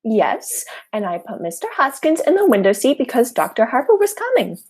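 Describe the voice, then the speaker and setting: A teenage woman playing a sweet, unflappable elderly aunt, genteel and gently scolding, in a high school radio play. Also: sing-song, normal speed, slightly rough. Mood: prim, unconcerned.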